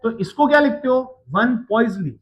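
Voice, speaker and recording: A man teaching a physics lecture, working slowly through the steps and often checking that his students follow. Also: extremely high pitch, expressive, low-quality recording. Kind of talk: classroom lecture.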